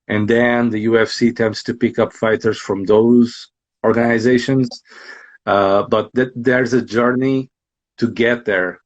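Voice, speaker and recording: Low-voiced man in his thirties, halting. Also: muffled recording. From Portugal. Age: 30s. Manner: halting, many restarts and ums. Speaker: podcast host and guest. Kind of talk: casual interview chat.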